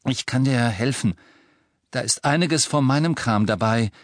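A man's voice: mid-range voice, moderate pace, no echo, studio quality, voice pushed up, lightly acted. A man voicing a bitter, earnest teenage boy wizard in an audiobook. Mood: sarcastic. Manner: earnest, sarcastic.

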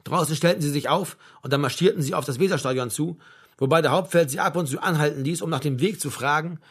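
A man reads a novel aloud in a calm, measured narration. His voice sits a little higher than most men's. The delivery stays steady throughout. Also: husky. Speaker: audiobook narrator. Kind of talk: scripted narration.

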